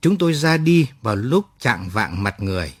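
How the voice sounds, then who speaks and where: A man's voice: lowish voice, no room sound, studio quality. Male late-night story narrator. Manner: measured, expressive storytelling.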